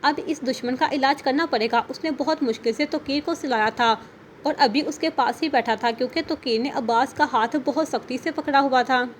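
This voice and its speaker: A woman narrating an audio novel in a steady storytelling manner. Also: high-pitched, a little fast, slight background noise.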